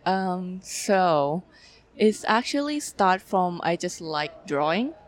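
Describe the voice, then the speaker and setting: Answering interview questions in a halting, casual manner full of fillers, a young film director from Thailand speaks with a Thai accent. Her voice sits lowish and has a sing-song quality.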